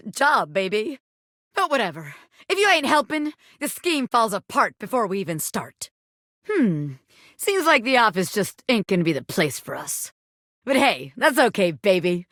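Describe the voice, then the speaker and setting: A woman's voice: medium pitch, a bit bright, dry recording, studio quality. A woman voicing a brash, flirty bobby pin gangster in a video game, a scheming criminal mastermind with cocky, street-tough wiseguy talk. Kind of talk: animated video game character acting.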